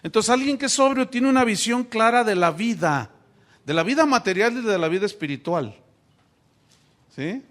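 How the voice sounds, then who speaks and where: A man's voice: high-pitched, lively intonation, normal speed, fairly bright tone. A middle-aged pastor from Mexico preaching a sermon, asking his congregation rhetorical questions.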